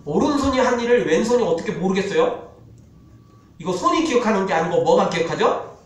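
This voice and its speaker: Male pastor preaching, high lively voice, big echoey church, kinda far from the mic. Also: a little fast. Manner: animated preaching, quotes scripture in a solemn lower voice. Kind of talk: sermon. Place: church sanctuary.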